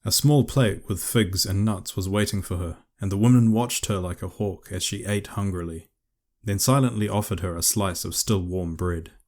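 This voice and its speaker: Casting: male audiobook narrator, very deep, measured and even. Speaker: author and narrator.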